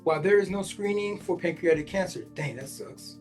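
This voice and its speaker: A man's voice: sits high, brisk, darkish tone, faint music behind. A man in his forties hosting a podcast, reading a news article aloud and stopping often to react in casual asides full of fillers. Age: 40s. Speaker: podcast host.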